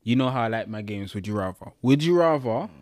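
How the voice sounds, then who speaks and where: A man's voice: mid-range voice, lively intonation, brisk, darkish tone, dry recording, clean studio sound. A man, a podcast guest, playfully putting a would-you-rather question to the others. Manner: playful, quizzing others with games. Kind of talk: casual chat.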